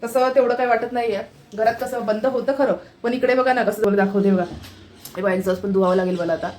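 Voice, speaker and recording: Still weak from a cold and fever, a woman vlogger walks her phone camera around her apartment, pointing things out in the kitchen and near the windows and saying "look here" again and again. This casual family home tour is delivered fast in a slightly high, fairly even, a little mellow voice, with slight background noise.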